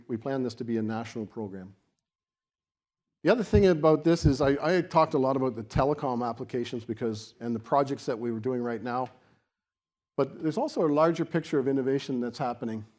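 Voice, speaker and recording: A man giving a semi-extemporaneous podium speech as a keynote speaker, explaining in a halting way with repeated restarts. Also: mid-range voice, darkish tone. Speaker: keynote speaker for a technology organisation.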